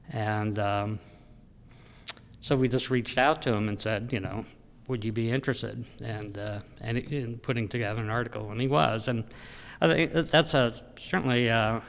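A local history journal editor in his sixties gives an informal talk at an event, speaking into a gooseneck podium microphone in an indoor public room. His mid-range, fairly bright voice rambles and halts with frequent pauses and hesitations, and the hall is echoey with long reverb.

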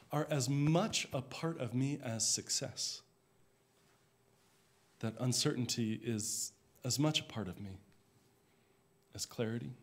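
Man, minister, sermon, unhurried, mid-pitched, reflective, soft phrase endings. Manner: slow, reflective, measured delivery.

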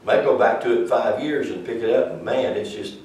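Captured from afar by a camera in an echoey small church classroom, an older man with a Southern US accent teaches in a folksy, rambling, conversational style. His voice is medium in pitch, fairly quick and darkish in tone.

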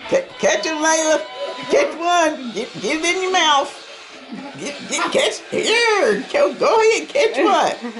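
A woman casually and excitedly coaching children through a home game, repeating her instructions with a giggly delivery. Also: high-pitched, takes it slowly. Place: living room at home. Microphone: camera mic, behind the camera. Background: loud music.

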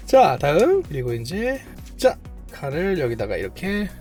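A model kit reviewer giving hands-on build commentary, chatty and talking to themself while building, playfully boastful and quick with excited exclamations. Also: mid-range voice, faint music behind. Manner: playfully boastful, self-praising.

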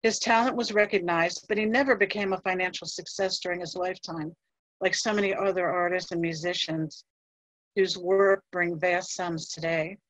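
A woman museum curator giving a scripted history presentation in a measured voice, with a few fillers as she reads from her notes. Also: lowish voice, steady tone, fairly bright tone, dry recording, poor audio.

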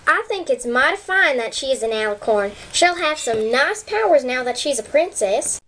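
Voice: high voice, sing-song, moderate pace, pushed and bright, full character voice, rough recording. A woman doing a twangy farm pony. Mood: friendly. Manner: drawling rural twang. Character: folksy country female farm pony.

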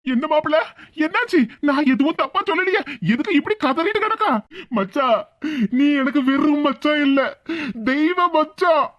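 High-pitched bantering village buddies. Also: male voice, normal speed. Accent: Tirunelveli Tamil. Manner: melodramatic, comic bantering. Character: two bantering young village men, brothers-in-law and friends. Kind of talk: cartoon voice acting. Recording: dull lo-fi sound.

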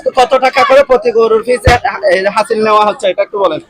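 A man with a Chattogram Bangladeshi accent reporting on location as an eager, halting presenter who often repeats himself. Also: high voice, poor audio. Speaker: reporter for a local online channel. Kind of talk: on-location market report with interviews. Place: outdoor cattle market.

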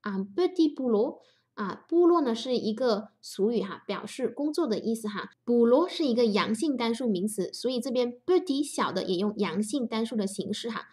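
A woman's voice: a little high, animated, normal speed. Patient woman teaching French grammar. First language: Chinese. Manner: patient, adds soft sentence-final particles. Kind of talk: explaining grammar line by line.

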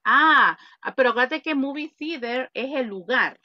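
A woman's voice: high voice, animated, moderate pace, dry recording, muffled recording. A woman English teacher with a Salvadoran Spanish accent, patiently explaining an online class and repeating her points.

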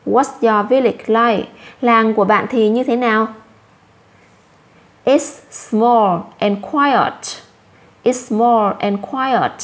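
A woman with a Vietnamese accent teaching English to children, saying each English word slowly twice and explaining it in Vietnamese. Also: fairly high pitch. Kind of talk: slow classroom explanation for children.

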